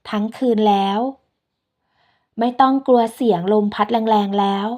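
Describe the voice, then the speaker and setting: A woman telling a first-person story in a gentle, unhurried way. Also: medium pitch, steady tone.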